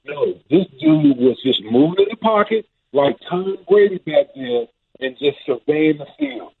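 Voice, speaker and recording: A man calling in as a football analyst, talking casually and loosely with lots of "man" and "I mean", heard over a muffled low-quality phone line that sounds like he is in a tunnel. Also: very animated, a little slow. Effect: muffled low-quality phone line, as if calling from inside a tunnel. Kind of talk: casual sports radio talk. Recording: tinny phone line, husky.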